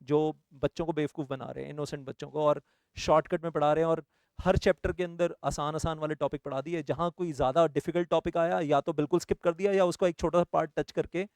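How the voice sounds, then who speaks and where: A man's voice: fairly high pitch, darkish tone, clean tone, dry recording. A man with an Indian accent, a teacher coaching company secretary students, talking earnestly and persuasively as he promotes his courses and mixes Hindi with English.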